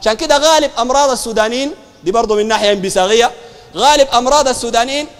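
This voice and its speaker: Sudanese man preaching, high voice, rapid delivery, mocking rhetorical questions, reverberant hall. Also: smooth. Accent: Sudanese Arabic. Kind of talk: colloquial sermon.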